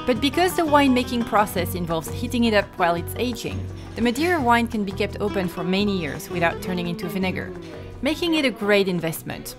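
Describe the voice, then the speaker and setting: A woman narrates her travel vlog in a wry, storytelling tone. Her voice sits at an ordinary middle pitch. Music plays clearly under the voice-over. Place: voice-over, not recorded on location. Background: background music.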